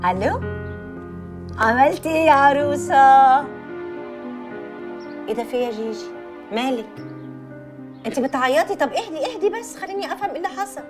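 An actress playing a caring young woman who calms her friends, speaking Egyptian Arabic in a film drama. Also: high voice, brisk, long pauses, music in the background. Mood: worried. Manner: soothing, juggling two phone calls.

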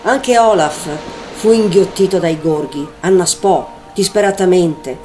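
A woman narrating a fairy tale in a calm, measured storytelling manner, with loud music behind. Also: on the low side.

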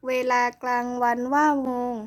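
A woman voicing a proud schoolboy who explains to his classmates slowly and deliberately, like a grown-up. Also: natural voice. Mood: boastful. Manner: slow, measured, grown-up delivery.

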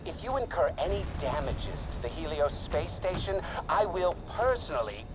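An actor playing a cold, stern company executive in a video game, speaking in a threatening tone. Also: male voice, a little high, very animated, moderate pace, heavy background noise. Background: game music.

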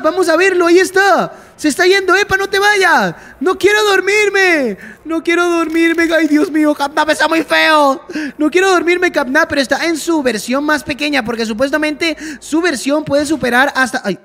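A man giving excited let's-play commentary, chatting to viewers as friends and yelping at scares. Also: extremely high pitch, slight background noise. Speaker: gaming YouTuber.

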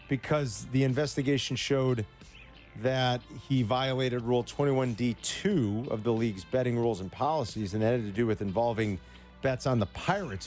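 A middle-aged man, hosting a sports radio show in a studio, talking in an emphatic, animated way. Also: medium pitch. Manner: animated, emphatic, bursts of indignation. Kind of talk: casual sports talk. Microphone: studio mic with headphones.

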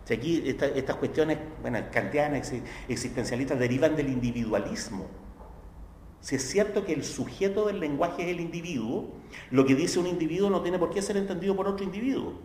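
A man with a Chilean accent giving a university philosophy lecture in a conversational way, checking understanding with tag questions and acting out quoted voices. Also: a little fast. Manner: acts out quoted voices with sharp pitch jumps. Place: lecture hall. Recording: echoey hall, faint background noise.

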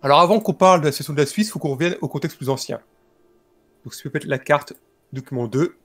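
A man presenting a book and its history informally, in a calm, explanatory way. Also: on the high side, fast talker, faint music behind. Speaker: guest presenter.

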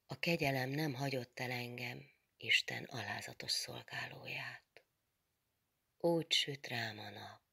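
A woman reading the lines of a frail, serene nun over a hundred years old, in a soft murmur that slips into a whisper. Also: very deep voice, animated, vocal fry, slightly rough, exaggerated voice.

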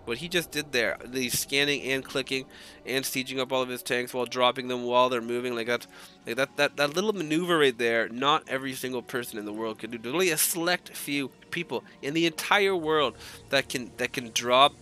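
A man calls a strategy game match in loose, rambling play-by-play, cursing now and then as he restarts his sentences. His voice carries a bright, forceful edge, even though it still sounds groggy from just waking up. Faint music plays underneath. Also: medium pitch, brisk. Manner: rambling, casual play-by-play with frequent restarts and swearing. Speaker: esports caster. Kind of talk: live game commentary.

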